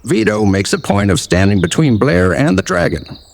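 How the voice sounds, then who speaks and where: A man's voice: fairly low pitch, big pitch swings, moderate pace, gravelly, long reverb tail, a little hiss or hum. A man reading scripted narration and character dialogue as a player in a tabletop game replay.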